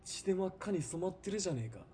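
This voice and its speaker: In a period radio drama, a man plays a ruthless, greedy military police commander, domineering and sneering, swinging from cold murmurs to shouts. His voice is high and expressive, the delivery very fast and mocking.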